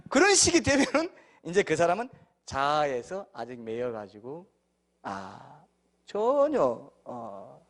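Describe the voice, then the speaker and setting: A man's voice: mid-range voice, a bit bright. A middle-aged man preaching a sermon as pastor, asking the congregation questions and acting out quoted voices.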